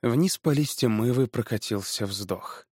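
A man reading a children's story aloud in a lively, animated way. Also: mid-range voice, a little slow, slightly rough, no room sound, studio quality.

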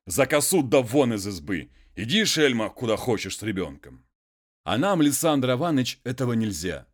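For a story reading, a man voices a wheedling peasant who pleads in folksy, drawn-out phrases. The voice is high and loud, with big pitch swings rising and falling through each line.

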